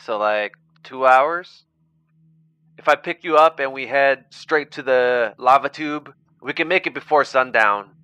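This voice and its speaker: A man voicing an eager, blunt young male anthropologist in an audio story, talking in a quick, businesslike way. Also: medium pitch, sharp tone, clear, resonant tone, no room sound. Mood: brisk.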